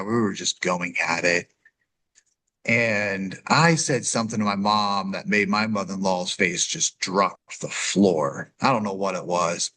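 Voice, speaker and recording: A man's voice: fairly low pitch, fairly bright tone. A middle-aged man chatting casually as a guest, telling jokey stories and acting out the voices of the people in them. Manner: jokey, storytelling, acts out quoted voices. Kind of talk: casual chat.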